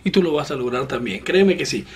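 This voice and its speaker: A man giving an online guitar lesson, patient and encouraging, explaining each step slowly and talking straight to the student. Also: mid-range voice, expressive. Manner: slow, step-by-step instruction. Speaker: guitar teacher. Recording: loud guitar playing behind the voice.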